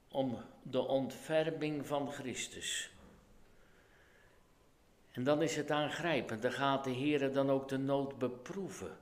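Dutch pastor in an earnest sermon, mid-pitched man, pleading and urgent. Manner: earnest preaching that rises to urgent, loud pleading.

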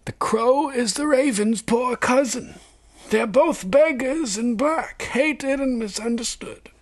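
Ancient, wise fantasy maester: high, thin, breathy old voice, solemn, slow, sorrowful. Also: male voice, dry recording, full character voice. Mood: solemn, probing. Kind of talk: audiobook-style character reading from a fantasy novel.

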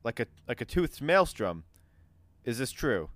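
A man's voice: mid-range voice, sing-song, a little slow, fairly bright tone, dry recording. A man voicing a blustering, jovial pirate captain in a tabletop game, hearty and commanding. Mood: intrigued. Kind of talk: tabletop role-play.

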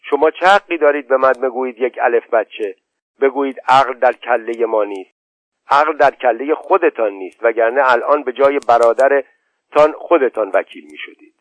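A man's voice: medium pitch, lightly acted, rough recording. A man voicing a touchy young chieftain. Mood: indignant. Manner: indignant, quick to take offense.

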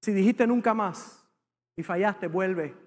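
A man preaches from the pulpit, his voice set very high for a man. His words ring out with a long church-hall reverb. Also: normal speed. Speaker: pastor. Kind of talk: sermon. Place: church sanctuary with congregation.

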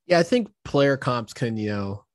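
Male interview host, easygoing and joking, middle pitch, dry mic. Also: sing-song, moderate pace, no room sound. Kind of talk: casual podcast interview.

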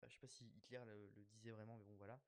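A man's voice: lowish voice, little pitch movement, racing, dry recording. A young man hosting a casual commentary show, talking hesitantly with lots of fillers and self-mocking asides. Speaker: host of an episode-breakdown show.

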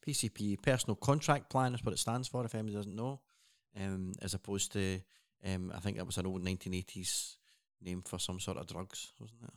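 A man's voice: low voice, fairly even intonation, a little fast. A man co-hosting a casual news chat, earnest and rambling with frequent restarts. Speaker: co-host.

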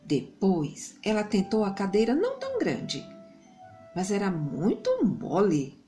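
A woman narrating a bedtime story for children, slow and expressive. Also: medium pitch, soft background music.

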